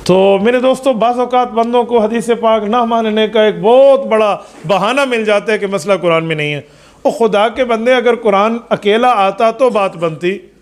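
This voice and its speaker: A man preaching an Islamic sermon, telling an anecdote with rhetorical questions and sudden low, quiet asides. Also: moderate pace, clean tone.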